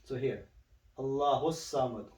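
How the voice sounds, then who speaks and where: A male Quran recitation teacher tutors a single student, patient and unhurried, frequently repeating each word slowly. His medium-pitched, slightly mellow voice comes from a distant mic in a roomy space, giving it a clear echo.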